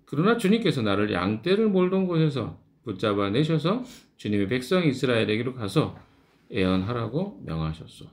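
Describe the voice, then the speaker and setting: A man's voice: mid-range voice, big pitch swings, normal speed, darkish tone. A middle-aged male pastor leading a morning devotional Bible study, talking conversationally and answering his own questions.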